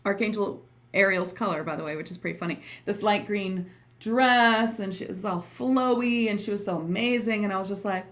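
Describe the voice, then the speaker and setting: A woman's voice: mid-range voice, brisk, fairly bright tone. Giggly, informal woman chatting on a livestream. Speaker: host and trance channeling teacher. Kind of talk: casual livestream chat with viewers.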